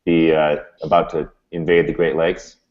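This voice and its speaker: A man's voice: a bass voice, flat delivery, moderate pace, muffled recording. A man moderating a panel discussion, asking questions hesitantly with many ums.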